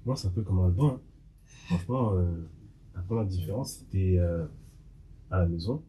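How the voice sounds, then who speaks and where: Give me a man in his twenties with a very deep, dark voice, speaking haltingly. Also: slight background noise. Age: 20s. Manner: halting, many fillers. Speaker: guest. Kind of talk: conversational testimony.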